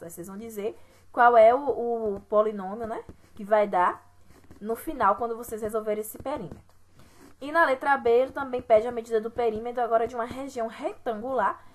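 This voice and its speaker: A woman's voice: fairly high pitch, a bit bright. A woman math teacher with a Brazilian accent, walking students through an exercise sheet step by step and often checking in with "right?". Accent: Brazilian Portuguese. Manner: patient, repeats "certo?" and "né?" to check understanding. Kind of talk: recorded online lesson explaining an exercise sheet.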